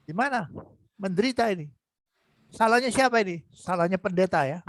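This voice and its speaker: A man's voice: sits high, animated, fairly quick, a bit bright, no echo. A man in his seventies teaching an online Bible class over a video call. He repeats phrases, asks rhetorical questions and addresses students by name. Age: 70s.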